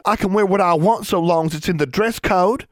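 A woman's voice: low voice, very animated, normal speed, darkish tone, no echo, studio quality, voice pushed up. A man voicing a defiant, haughty young girl with an Ozark accent.

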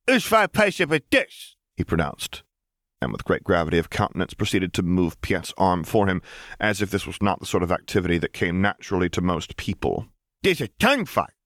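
A man reads a story aloud as scripted audiobook narration. His voice is low-pitched, and the recording is dry and clean, studio quality.

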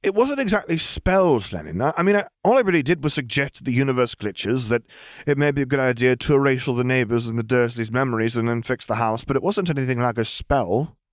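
A man voicing a sharp-tongued young witch girl who talks bluntly and bossily, in a storybook reading. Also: mid-range voice, expressive, fast, no room sound, studio quality, pitched above the performer's own voice, natural voice. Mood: exasperated. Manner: blunt, matter-of-fact, bossy.

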